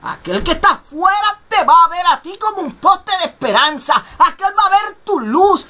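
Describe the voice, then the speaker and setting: A woman preaching a radio sermon, emphatic and repetitive with bursts of shouting. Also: extremely high pitch.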